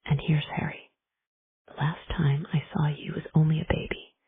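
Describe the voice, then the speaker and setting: A narrator whispering the part of a huge, gruff, bearded male giant who speaks in rough folksy words, in a whispered role-play. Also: mid-range voice, little pitch movement, normal speed, lightly acted. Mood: friendly. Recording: dry, tinny phone-like sound.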